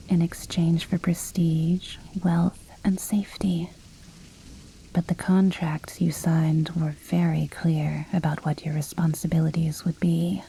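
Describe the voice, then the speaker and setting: Playing a menacing, imperious vampire noblewoman, a woman delivers a scripted ASMR roleplay monologue in a low-pitched, soft, breathy half-whisper that is slow, measured, formal and coolly condescending. The rough recording carries a little hiss or hum, with rain and thunder ambience behind.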